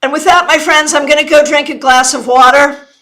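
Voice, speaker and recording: A woman's voice: sits high, fairly even intonation, fairly bright tone, a little hiss or hum. A woman with hiccups giving tarot readings on a live stream, chatty and often apologizing. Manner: apologetic, chatty, quick answers to viewers.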